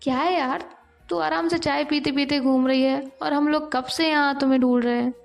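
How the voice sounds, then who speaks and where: A woman's voice: sits high, steady tone, moderate pace, creaky, soft background music. A woman voicing a blunt, gossipy young woman coworker.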